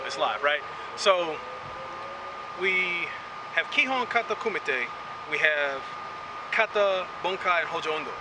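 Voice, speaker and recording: Outdoors, a high-pitched man who speaks English natively teaches karate in a chatty style, constantly adding "right?" to what he says. It's recorded from afar, with wind and traffic audible around him.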